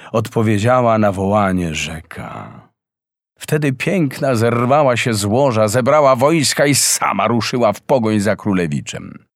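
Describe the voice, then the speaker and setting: A man reading a fairy tale aloud as narrator, with expressive, measured storytelling. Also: medium pitch, dry recording, clean studio sound.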